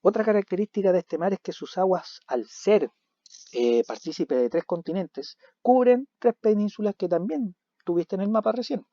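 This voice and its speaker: A man teaching a recorded video lesson, animated, asking questions and answering them himself. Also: high-pitched, normal speed, dry recording. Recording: dull lo-fi recording.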